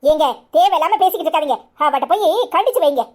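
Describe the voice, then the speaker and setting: A woman's voice: sits high, lively intonation, fast talker, a little mellow. A woman with a Kanyakumari Tamil accent voicing a quarrelsome young village wife in a cartoon, scolding and sarcastic. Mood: angry. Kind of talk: cartoon voice acting.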